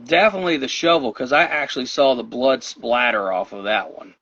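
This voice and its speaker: A man co-hosting a podcast talks a little fast in a mid-range, slightly bright voice that is wearing out from fatigue. He rambles and laughs often during casual conversation about wrestling, recorded with dull lo-fi sound.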